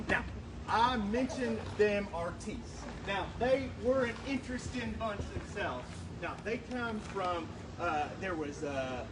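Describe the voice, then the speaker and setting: At an art guild event's live show, a high-pitched man serves as host and storyteller, speaking in a folksy, down-home way with colloquial rural grammar and drawling phrasing. The mic sits some distance away, and the noisy live crowd ambience is clearly audible.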